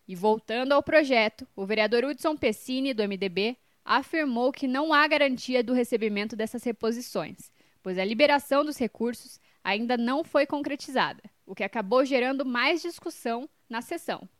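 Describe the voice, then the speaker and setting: A woman reading radio news in a brisk, scripted delivery. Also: a little high, lively intonation, dry recording, clean studio sound. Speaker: news anchor.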